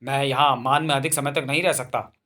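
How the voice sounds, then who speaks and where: A man's voice: mid-range voice, fairly even intonation, a little fast, pushed and bright, lightly acted. A man voicing a bumbling, cowardly comic hero who panics and complains. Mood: grumbling.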